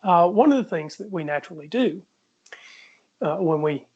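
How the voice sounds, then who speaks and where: A man's voice: sits high, animated, moderate pace, a little mellow, breathy edge. A man in his fifties, a podcast host telling a personal story in a reflective way. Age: 50s. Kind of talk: casual podcast discussion. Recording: muffled lo-fi audio.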